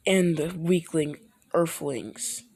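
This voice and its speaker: Woman playing an arrogant godlike male fighter, cold boastful threats, low soft voice, slow. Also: creaky, husky, full character voice. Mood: arrogant, threatening. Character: arrogant all-powerful male fighter hero turned cold.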